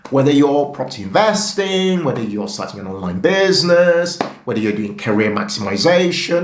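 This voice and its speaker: A man's voice: mid-range voice, reverberant. A man, a personal finance YouTuber, coaching his viewers straight to camera in an emphatic way and checking in with them often. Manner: emphatic, animated, keeps checking in with "okay?". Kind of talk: direct-to-camera coaching talk.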